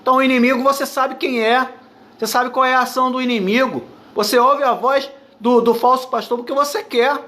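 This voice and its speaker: A man with a very high voice preaches a sermon in a Brazilian Portuguese accent. He speaks as a pastor, emphatic and repetitive. He keeps putting rhetorical questions to his listeners. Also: fairly even intonation, brisk, sharp tone.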